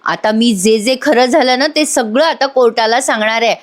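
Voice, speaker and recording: A woman voicing a frantic, defensive young woman witness who shouts her denials in a serial recap. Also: fairly high pitch, moderate pace, lightly acted. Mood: defiant. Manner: loud, pleading denials.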